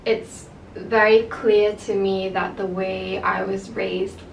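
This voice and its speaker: In a slow, gravelly voice of medium pitch and level tone, a young adult vlogger talks openly to camera, filling gaps with frequent filler words. She is half Japanese and grew up in the UK. Recorded on a far-off camera mic, the audio is noisy and echoey.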